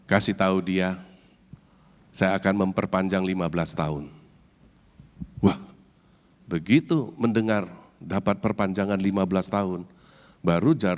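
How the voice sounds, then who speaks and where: Male church elder, low voice, animated sermon delivery, reverberant hall. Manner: animated, mixes in English words, addresses congregation directly.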